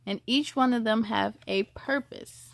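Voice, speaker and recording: In a creaky, fairly high voice at a measured pace, a woman hosts a children's story time, reading a storybook expressively. There's no echo in the recording, and she speaks straight to her young audience.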